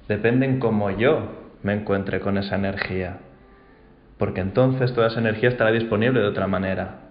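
Calm man teaching mindfulness. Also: fairly low pitch. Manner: calm, storytelling, reflective. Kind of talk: reflective spoken talk. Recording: roomy, slightly dull sound.

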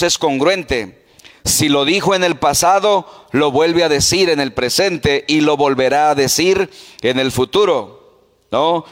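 Pastor preaching in a reverberant hall. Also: male voice, on the high side, fairly bright tone. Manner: preaching, asks the congregation questions. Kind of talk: sermon.

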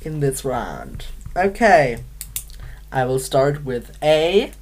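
Brief: low, unhurried woman co-host, playful and giggly, casual game chat. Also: big pitch swings, darkish tone. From Manchester, England. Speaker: podcast co-host.

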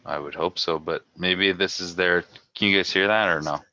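A man's voice: deep voice, steady tone, moderate pace, sharp tone, dry recording, highs cut off. A man co-hosting a podcast in casual chat, jokey and riffing on bits. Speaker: podcast co-host. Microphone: video call.

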